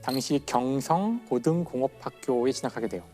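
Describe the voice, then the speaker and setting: An enthusiastic man in his fifties tells a story like a lecture, slowing down for the dramatic moments. His pitch sits in the middle for a man. Faint music plays under the studio talk. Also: lively intonation, warm tone. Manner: enthusiastic, slows down for dramatic emphasis. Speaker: physics professor guest speaker.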